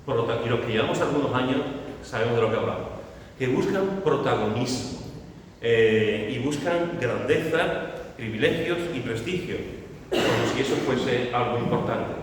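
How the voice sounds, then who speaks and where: Sermón de un hombre con acento andaluz, grabado desde lejos en una iglesia que resuena mucho. Tiene un tono de charla, bromista, con repeticiones que van ganando fuerza, y detrás se oye un leve ambiente de sala. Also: male voice, medium pitch, moderate pace, slight background noise. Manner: conversational, joking, builds to emphatic repetition. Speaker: preacher. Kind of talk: sermon. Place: church hall. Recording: echoey church hall, far from mic.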